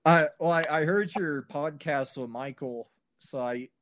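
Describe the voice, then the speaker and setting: A man hosting a podcast, talking casually in an animated, ranting way and swearing a lot. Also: on the high side, a little slow, a little hiss or hum. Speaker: podcast host.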